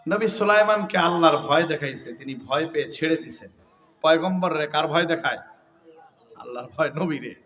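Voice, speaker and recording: A man preaching a loud, emphatic sermon at a mahfil, calling on the crowd to answer and chanting Quranic verses. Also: a little high, normal speed, muffled recording. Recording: voice from far off the mic.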